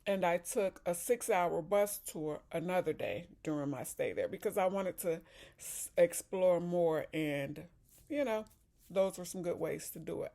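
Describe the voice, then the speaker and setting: Slow, low-voiced chatty woman vlogger. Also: mellow. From Chicago. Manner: chatty and unhurried, talks while eating and sipping a drink. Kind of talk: casual chat.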